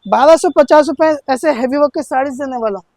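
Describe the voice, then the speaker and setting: Male shop presenter, notably high-pitched, dry sound; eager, insistent, repetitive teleshopping sales pitch. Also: fast, a little mellow, dry recording. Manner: insistent, repetitive, hard-selling. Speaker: shop seller presenting sale offers.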